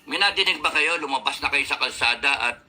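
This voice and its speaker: Angry ranting man, sharp bright voice. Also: fast talker, low-quality recording. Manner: angry ranting, cursing, Tagalog mixed with English; swings between shouted outbursts and low, controlled lecturing. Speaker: political commentator. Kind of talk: heated political commentary.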